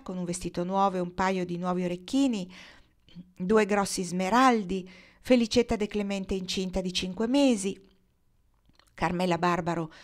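Woman reading a novel aloud, measured. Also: fairly low pitch. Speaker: audiobook reader. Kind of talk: literary audiobook narration.

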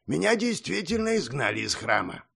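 A patient old monk speaks slowly and evenly, as a man puts him on. His voice is heavily gravelly and husky, pitched somewhat higher than a plain voice, and it rises and falls in a lively way. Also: exaggerated voice. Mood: calm measured. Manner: calm, measured. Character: calm old male monk, sober and patient. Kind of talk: audiobook character voice.

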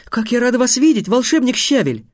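A man voicing a cheerful young noble girl speaking brightly and excitedly. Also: very high-pitched, fairly quick, dry recording, clean studio sound, voice pushed up, exaggerated voice. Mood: joyful. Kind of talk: audiobook character voice.

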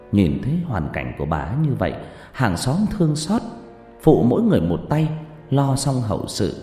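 A male storyteller narrates a ghost story with theatrical flair, his pitch swooping up and down. His voice rings in a roomy reverb. Faint music plays underneath. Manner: theatrical, swinging pitch and loudness.

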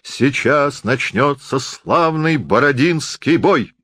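A man voicing a chilled, despairing fairground actor playing Napoleon, with a hoarse, grandiose, declamatory delivery. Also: mid-range voice, expressive, slow pace, fairly bright tone, dry recording, studio quality, pitched above the performer's own voice. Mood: commanding.

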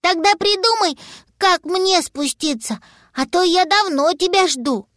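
A woman voicing a cheerful, carefree little boy dragon in a storybook reading, with a high, eager way of talking. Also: a little slow, fairly bright tone, dry recording, clean studio sound. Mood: chatty.

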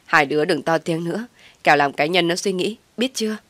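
A woman's voice: on the low side, fast talker, a bit bright, dry recording, lightly acted. A woman voicing a tearful, worried older mother who fusses and soothes, in a storybook reading. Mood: fretful. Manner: fretful, soothing.

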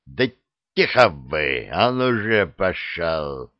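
An eager, croaking frog-like creature from a storybook, as a man puts him on. He talks in slow, drawn-out lines with a lively lilt. The sound is dry and a bit dull. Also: deep voice, no echo, pitched below the performer's own voice, heavily acted. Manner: croaking, impatient. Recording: dull lo-fi recording.

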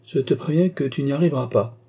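A man voicing a blustering, hearty old gentleman card player in an audiobook, boisterous and full of exclamations. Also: medium pitch, quick pace, slightly rough, pitched above the performer's own voice. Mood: insistent.

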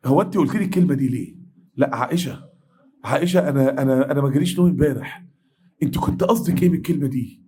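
A man voicing a touchy young woman who probes her friend with suspicion, in quick, pressing speech. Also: mid-range voice, mellow, slightly rough, voice pushed down, close to an everyday voice. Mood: suspicious. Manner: suspicious, probing.

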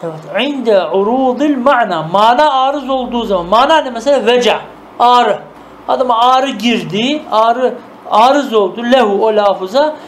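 A man with a strikingly high voice gives a traditional madrasa-style lesson. He reads classical Arabic phrases, then unpacks them patiently, asking himself quick rhetorical questions and checking that his students are following. A faint hum of room noise sits under his voice. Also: animated. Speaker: teacher of classical Arabic grammar and logic.

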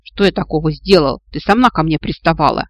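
A man's voice: fairly high pitch, brisk, no echo, lightly acted. A man voicing a dim-witted, touchy young male demon who whines and sulks, in a storybook reading. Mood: sulky. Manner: whiny, sulky, defensive.

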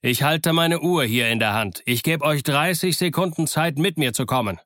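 A man's voice: a little high, lively intonation, normal speed, fairly bright tone, no room sound, studio quality, voice pushed up. A man voicing a stern, commanding male ship captain who calls out emphatically in an audiobook. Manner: raised, emphatic calling out. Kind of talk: audiobook character voice.

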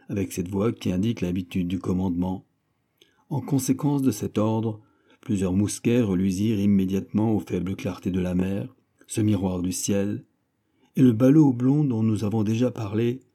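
A man reading a classic novel aloud as an audiobook, steady and measured. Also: fairly low pitch. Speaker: audiobook reader. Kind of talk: scripted narration of a classic novel.

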